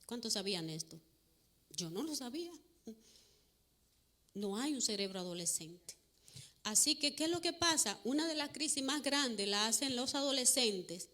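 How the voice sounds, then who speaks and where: High, bright-voiced woman giving a parenting talk. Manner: preachy, asks the audience and answers herself; acts out quoted voices with much higher pitch. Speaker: parenting speaker.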